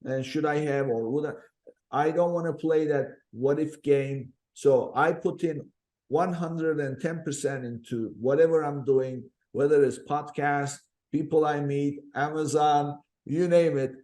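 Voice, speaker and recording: A man's voice: fairly high pitch, steady tone, a little slow, a little mellow. A man who grew up in Turkey, hosting a podcast interview and telling a personal story earnestly, with many fillers and restarts. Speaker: podcast host. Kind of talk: conversational interview.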